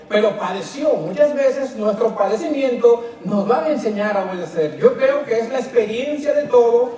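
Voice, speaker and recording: A man's voice: high voice, a little mellow. A man preaching a sermon, emphatic, putting rhetorical questions to the congregation. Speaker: pastor. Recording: very echoey church hall, mic at a distance.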